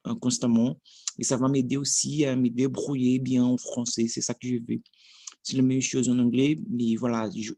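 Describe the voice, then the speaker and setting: Here a Brazilian man in his thirties, speaking a language he learned with a Brazilian Portuguese accent, gives a casual practice monologue full of hesitation, word searching and restarts. His voice is medium-pitched and mellow, with no echo.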